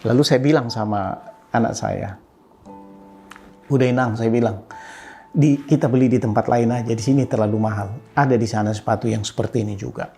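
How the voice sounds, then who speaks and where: An older man, telling a personal story to an audience in an animated way with sudden pitch jumps. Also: fairly quick, faint music behind. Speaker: speaker addressing an audience. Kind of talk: storytelling talk.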